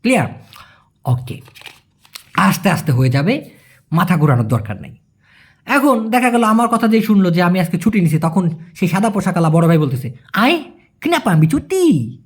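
A man, teaching a language lesson and repeating phrases slowly for learners. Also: high voice, very animated, breathy edge. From Bangladesh.

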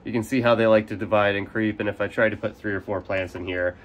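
Fast and lowish in voice, a young carnivorous plant grower with a slight nasal cold casually explains dividing and repotting plants in a hands-on gardening demo. His manner is relaxed, explanatory and filler-heavy; he's outdoors in sunlight at a potting table, recorded by an overhead camera, staying off frame.

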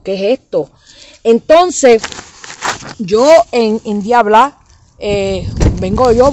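A woman's voice: fairly high pitch, darkish tone, a little hiss or hum. A middle-aged Puerto Rican woman with a Puerto Rican Spanish accent, telling a family story with emphasis and English words mixed in. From Puerto Rico. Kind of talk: emotional personal account.

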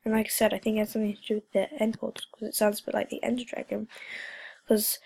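A teenage girl who hosts a gaming channel rambles through casual gameplay commentary in a mid-range, creaky, warm voice, quick but completely flat. She uses lots of fillers, often drops into whispers, and sounds slightly stuffy from a cold. The home recording is noisy, with clicks.

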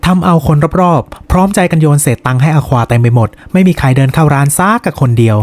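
A man narrates a casual anime recap in a crude, slangy, jokey way. He talks very fast in a fairly high voice. The sound is dry and close. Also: dry recording.

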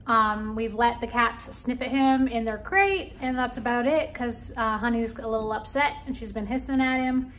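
Woman vlogging casually, high voice, bit of a lisp from her retainer, faint noise behind. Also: moderate pace, hardly any pauses, fairly bright tone. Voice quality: slight lisp from wearing a retainer. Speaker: family vlogger. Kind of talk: casual vlog chat. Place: parked car, rooms at home. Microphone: phone at arm's length.

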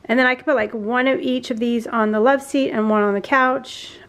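Woman, 40s, Southern American accent, chatty home vlogger, slightly high voice, filmed at arm's length indoors. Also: fairly even intonation, fairly quick. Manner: chatty, rambling with many fillers and restarts. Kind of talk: casual chat. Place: her living room at home, indoors. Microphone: handheld camera at arm's length.

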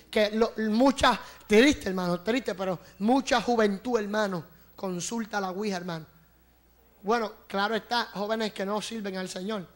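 A man's voice: high voice, a bit bright. A man preaching a fervent sermon as an evangelist, calling out to the congregation.

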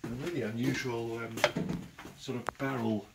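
This is a medium-pitched male voice with vocal fry, steady in tone and at normal speed, belonging to an English auctioneer in his forties. Chatty, enthusiastic and quick to chuckle, he walks a camera round a large, cluttered saleroom in casual commentary, recorded on a handheld camera mic in a noisy space.

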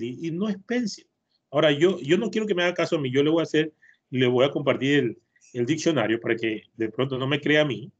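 Husky-voiced Ecuadorian teacher, muffled call. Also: male voice, on the high side. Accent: Ecuadorian Spanish. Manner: patient, repeats words to drill pronunciation. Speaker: English teacher. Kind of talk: online class for children. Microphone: computer mic on a video call. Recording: muffled lo-fi video-call audio.

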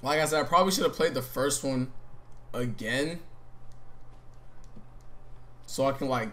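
A man in his twenties with a slightly rough voice, doing brash, slangy, profane gameplay commentary. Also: mid-range voice, unhurried. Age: 20s. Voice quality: slightly rough voice from a day of yelling. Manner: brash, profane, animated hype talk. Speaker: game streamer. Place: bedroom streaming setup.

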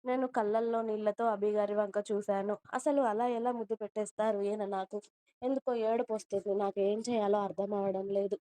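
A woman telling a first-person romantic story in a gentle, emotional, confiding way. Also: medium pitch, steady tone, fairly quick, clear, resonant tone, no echo.

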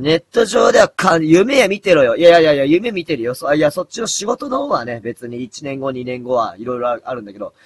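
Rough-talking man in his thirties. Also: no echo. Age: 30s. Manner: rough, mumbling, swings between loud outbursts and low muttering. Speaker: live streamer. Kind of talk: casual late-night live stream chat. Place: dim room at home.

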